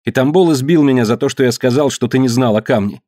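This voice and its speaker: A man's voice: medium pitch, fast, mellow, dry recording, clean studio sound, pitched above the performer's own voice, natural voice. A man voicing a frightened but upright young man giving earnest testimony in a story reading.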